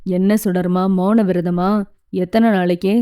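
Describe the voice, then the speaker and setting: A friendly young man teases lightly in a mellow, easy voice, as a woman narrator voices him. He talks in a relaxed, breezy way. It is audiobook reading. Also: fairly low pitch, measured pace, smooth, pitched below the performer's own voice, natural voice. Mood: teasing. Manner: teasing, breezy.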